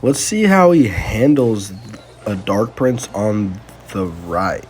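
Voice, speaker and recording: A young man giving casual, excitable live commentary on his own gameplay, talking slangily to his viewers. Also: on the low side, slow, slight background noise. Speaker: gaming channel host. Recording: faint music underneath.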